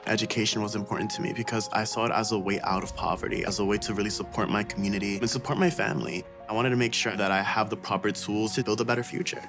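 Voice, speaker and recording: A man's voice: on the low side, steady tone, fast, hardly any pauses. A young man telling his own story in a college testimonial, earnest and reflective. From United States, Dominican family. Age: young adult. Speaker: student in a college video. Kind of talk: interview testimonial. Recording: music bed under the voice.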